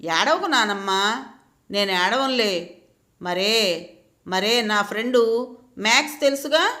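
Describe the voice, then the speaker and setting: A woman's voice: mid-range voice, animated, takes it slowly, sharp tone. A woman voicing a young grandson who talks in a childlike, pleading way. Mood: tearful. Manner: childlike, pleading, sobbing speech. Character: little boy, grandson, upset and tearful.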